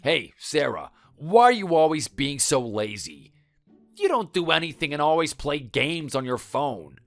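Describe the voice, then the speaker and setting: A man voicing a bitter middle-aged cafe owner who yells accusations at his partner. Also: a little high, big pitch swings, a little slow, soft background music, heavily acted. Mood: angry. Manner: accusing, yelling.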